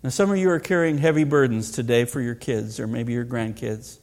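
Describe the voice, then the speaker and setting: A man's voice: medium pitch, brisk, a little mellow. A middle-aged man preaching a sermon as pastor, earnest and asking rhetorical questions.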